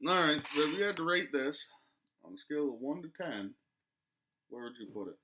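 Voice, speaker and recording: A man's voice: on the high side, animated, fairly quick, sharp tone. A man in his twenties chatting casually through a product review, speech slightly muffled by a lip full of dip. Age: 20s. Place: small living room, indoors.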